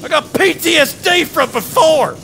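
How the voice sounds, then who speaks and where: A man playing a loud, bossy, swearing drill sergeant in an online game, barking orders with a strained delivery. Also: very high-pitched, lively intonation, normal speed, vocal fry, soft background music, full character voice. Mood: frantic, barking. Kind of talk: improvised in-game role-play over voice chat. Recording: voice over loud game battle noise.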